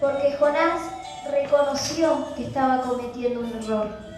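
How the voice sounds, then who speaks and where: A woman's voice: sits high, unhurried. Argentine lady preaching in church, rhetorical questions, voice far from the mic in a big echoey room. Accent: Rioplatense Spanish. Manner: earnest, rhetorical, reads scripture aloud then explains. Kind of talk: sermon. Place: church hall. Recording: echoey hall from far off, music behind.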